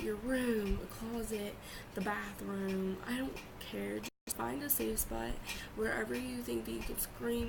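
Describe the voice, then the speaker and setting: Young female vlogger, slightly high voice with heavy fry, halting casual chat, loud fans in the bedroom. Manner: informal, halting, repeats words for emphasis. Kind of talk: casual confessional vlog chat. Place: bedroom at home. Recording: loud fan noise in room. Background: two loud fans running.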